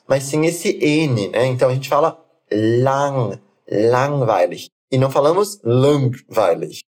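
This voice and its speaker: A man teaching German, saying phrases slowly for the learner to repeat and then explaining them quickly. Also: fairly high pitch, darkish tone. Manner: slow, deliberate model phrases alternating with quick explanations. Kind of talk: language lesson with repeat-after-me drills.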